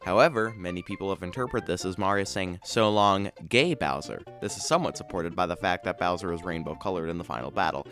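A man's voice: low voice, fast, hardly any pauses, a bit bright, soft background music. A man hosting a podcast, reading scripted explainer narration about video game trivia in a dry, matter-of-fact way. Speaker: podcast host.

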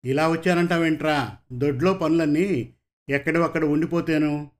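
A domineering rich landlord barks orders and scolds his poor farmhand, as a male storyteller puts him on. The voice sits a little high and stays bossy and contemptuous throughout. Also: fairly even intonation, normal speed, close to an everyday voice. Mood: scolding.

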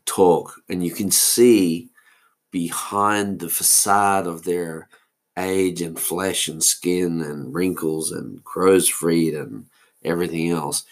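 Speaking slowly in a low, steady voice, this podcast host, a man in his forties, muses alone in a wandering monologue. He frequently loses track of what he was saying.

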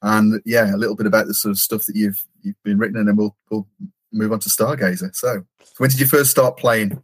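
Casting: middle-aged man, husky, lowish voice, chatty podcast host who laughs a lot, dry sound. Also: a little fast, no echo. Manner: laughs often, relaxed and chatty. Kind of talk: casual chat.

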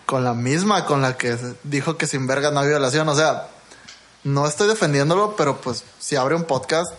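A man's voice: fairly high pitch, normal speed, fairly bright tone. A young man with a Mexican Spanish accent, co-hosting a podcast in chatty casual conversation. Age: young adult. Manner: chatty, full of sports trivia. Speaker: podcast co-host. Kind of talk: casual chat.

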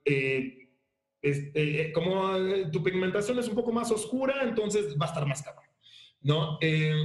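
Mexican-accented man in an echoey room. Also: a little high. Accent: Mexican Spanish. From Haiti and Mexico. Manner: halting, many fillers and restarts. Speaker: guest actor. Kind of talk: casual interview. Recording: roomy echo.

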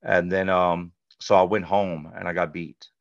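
Deep, gravelly middle-aged man, candid. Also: steady tone, a little slow, no echo. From North Carolina, USA. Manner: blunt, conversational, frequent "like" and "you know". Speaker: podcast guest. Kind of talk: candid personal storytelling. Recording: dull, lo-fi dry sound.

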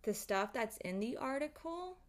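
A woman with a somewhat high-pitched voice talks as a podcast host. She delivers a casual, opinionated monologue, ranting with exasperation and emphasis. Her talk is loose and full of swearing. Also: lively intonation, a little slow. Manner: heavy swearing.

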